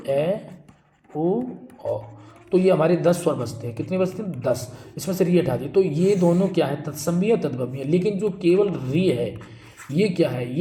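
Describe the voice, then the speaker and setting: A man's voice: fairly high pitch, mellow, a little hiss or hum. Man teaching in an echoey room. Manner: explains slowly, repeats points, asks and answers own questions. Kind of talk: exam-prep grammar lesson.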